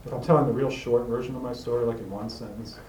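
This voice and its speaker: A middle-aged man sharing his recovery story with a group, halting and rambling with many fillers and restarts, recorded in a meeting room. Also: medium pitch, fairly even intonation, darkish tone. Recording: roomy, distant mic with faint hiss.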